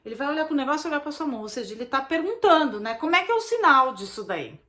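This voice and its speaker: High-voiced Brazilian woman teaching a class. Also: sing-song, racing, bright, forceful tone. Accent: Brazilian Portuguese. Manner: chatty, explains with frequent tag questions. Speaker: baby sign language course instructor. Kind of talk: casual recorded online lesson.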